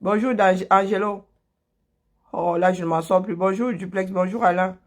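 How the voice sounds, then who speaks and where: High-voiced man hosting a live stream. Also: fairly even intonation, moderate pace. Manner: greets viewers by name between political rants; sarcastic, laughs often. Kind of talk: casual live stream commentary.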